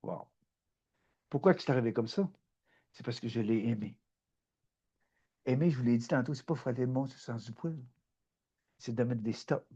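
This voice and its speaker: A middle-aged man with a Québécois French accent giving a spontaneous spiritual talk, animated and emphatic, often repeating himself. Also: medium pitch, normal speed, pauses often, breathy edge, lo-fi sound. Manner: animated, repetitive, swings between loud emphatic and soft. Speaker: spiritual speaker.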